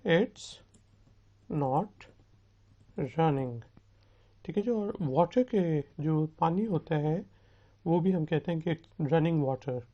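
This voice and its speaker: A man teaching a recorded beginners' language lesson. He patiently drills phrases slowly and asks learners to repeat after him. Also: a little high. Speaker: spoken English teacher. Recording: dull, lo-fi recording.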